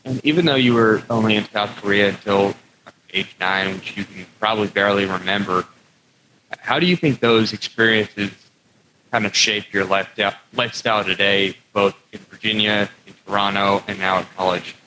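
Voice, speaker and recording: A man's voice: on the low side, fairly even intonation, moderate pace, bright, forceful tone, slight background noise, low-quality recording. A man hosting an interview podcast, friendly and upbeat, with frequent ums. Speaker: podcast host.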